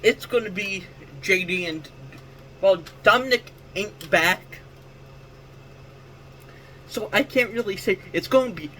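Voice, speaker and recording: A man with a notably high voice for his sex talks casually on his own wrestling show. He rambles, corrects himself mid-sentence and circles back on his points, with faint ambience behind him. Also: sharp tone, a little hiss or hum, rough recording. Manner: rambling, self-correcting, full of restarts. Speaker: wrestling podcast host. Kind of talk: casual solo commentary.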